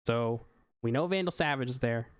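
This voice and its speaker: A man doing a brisk, casual speedster hero. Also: mid-range voice, clean tone, no room sound, clean studio sound, close to an everyday voice. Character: brisk male speedster hero leading the team.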